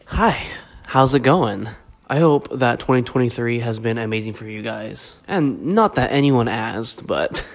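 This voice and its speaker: A man's voice: medium pitch, measured pace, vocal fry. A young man with a stuffed-up, congested voice from a cold, giving a joking, rambling, self-deprecating casual vlog update. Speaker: vlogger.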